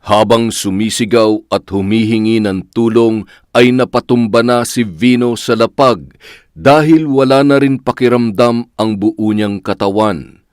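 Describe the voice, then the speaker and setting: A man narrating a scripted horror story in a measured, dramatic storytelling way. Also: fairly low pitch, a little mellow, smooth, no room sound, studio quality.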